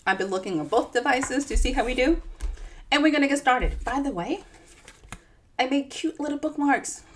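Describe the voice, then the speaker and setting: This Dominican woman speaks at a moderate pace in a high-pitched, expressive voice. Playing host to her own author storytime livestream, she keeps the chat casual, bubbly and playful.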